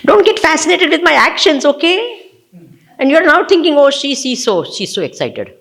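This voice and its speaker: Animated woman spiritual teacher. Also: sits high, normal speed. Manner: animated and exclamatory, switching between English and Hindi. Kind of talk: spiritual discourse to an audience.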